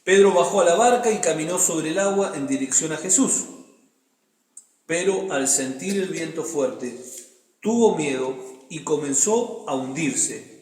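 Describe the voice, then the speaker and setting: A man's voice: on the high side, animated, measured pace, darkish tone. A man with an Argentine accent leading a Bible study as pastor, reading scripture aloud and explaining it in a conversational way. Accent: Argentine Spanish. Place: church hall. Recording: echoey hall, reverberant room.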